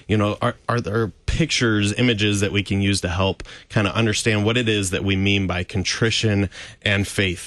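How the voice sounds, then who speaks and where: A man's voice: lowish voice, fairly bright tone, no room sound. A man hosting a radio talk show on faith, chatty and loose with frequent fillers and restarts. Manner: conversational, many fillers and restarts.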